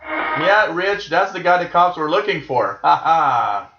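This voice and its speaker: A man's voice: a little high, sing-song, unhurried, over loud music. A man hosting a live shortwave tuning stream, talking casually and musingly as he relays listeners' signal reports. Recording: dull, echoey room sound.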